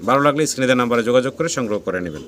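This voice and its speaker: A man with a Bangladeshi Bengali accent talks at a breakneck pace, steady in pitch, as he walks through a farm. Pigeons coo loudly around the noisy recording. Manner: rapid patter, repeats prices, frequent blessings. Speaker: pigeon seller channel host. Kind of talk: fast walkthrough sales tour. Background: pigeons cooing.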